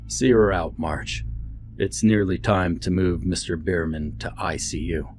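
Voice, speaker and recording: Guy playing a cold grumpy young doctor, gravelly shaky deep voice, faint music under it. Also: a little slow, a little mellow. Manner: cold, clinical, curt.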